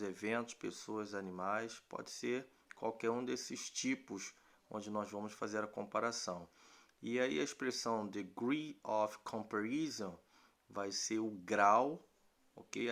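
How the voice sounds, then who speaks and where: A middle-aged Brazilian man teaching an English grammar lesson in Portuguese, patient, repeating points and often checking with a quick question. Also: lowish voice, vocal fry, pushed and bright. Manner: slows down to spell out English terms. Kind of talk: recorded online grammar lesson.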